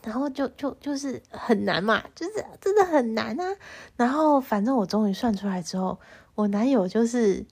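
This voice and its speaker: A young woman with a Taiwanese Mandarin accent tells a personal story to camera in a casual vlog, stammering and restarting as she grows animated and aggrieved. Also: a little high, normal speed, husky. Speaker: vlogger.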